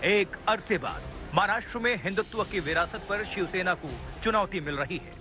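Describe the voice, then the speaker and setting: The clip has a news reporter narrating a television video package from a script, his delivery emphatic and dramatic. He speaks with a high-pitched voice at a moderate pace while a music bed plays.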